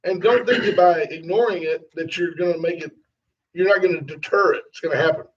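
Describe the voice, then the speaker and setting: Radio co-host, wisecracking, high voice, a bit off-mic, dull sound. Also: male voice, fairly quick, distant mic, a little hiss or hum. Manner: joking, wisecracking. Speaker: radio talk show co-host. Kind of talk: casual chat and live ad reads.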